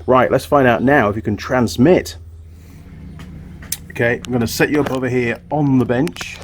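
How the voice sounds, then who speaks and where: A motorbike mechanic who hosts videos chats informally with viewers while working with his hands, thinking aloud as in a workshop vlog. His voice is mid-range at a moderate pace, with slight background noise.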